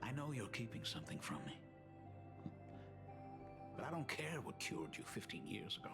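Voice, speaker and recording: Gravelly, very old-sounding solemn father. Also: on the low side, big pitch swings, moderate pace, music in the background. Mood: solemn, tender. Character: solemn aging father, fatherly artist burdened by family curse. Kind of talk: dramatic video game voice acting.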